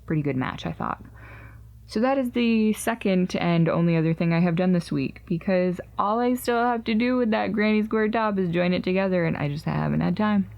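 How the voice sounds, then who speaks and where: Woman in her 30s, chatty crafting podcast host, lowish gravelly voice, loose and rambling. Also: normal speed, dull audio. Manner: chatty, rambling, jokingly refers to herself in third person. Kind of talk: casual chat about crochet projects.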